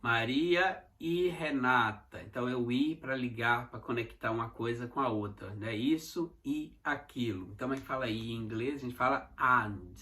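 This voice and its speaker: A man from Minas Gerais with a Mineiro Brazilian accent, teaching English words in an online lesson and repeating each one slowly for pronunciation practice. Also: medium pitch, bright, forceful tone. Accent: Mineiro Brazilian Portuguese. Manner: slow, repeated pronunciation drills with frequent "tá?" check-ins.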